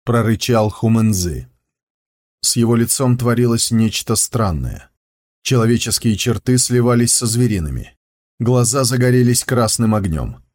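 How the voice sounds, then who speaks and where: A man reading an audiobook with steady, measured scripted narration. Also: mid-range voice.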